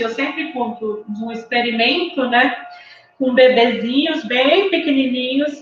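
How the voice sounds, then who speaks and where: Woman lecturer, a bit high, patient explainer, recorded in a very roomy space on a dull lo-fi mic. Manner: explanatory, frequent tag questions, lists of examples. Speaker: psychology lecturer. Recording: very roomy, dull lo-fi sound with faint room noise.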